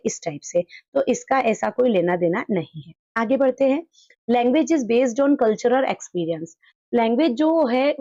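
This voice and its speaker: A woman with a fairly high voice teaches an exam prep class, explaining points in Hindi. She slows right down to read English definitions aloud. The sound is dry and a little dull and lo-fi. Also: warm tone, no room sound.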